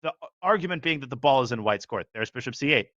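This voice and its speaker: A man's voice: medium pitch, lively intonation, sharp tone, muffled recording. A man commentating live chess, analyzing positions and rattling off moves. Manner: analytical, calls moves rapidly.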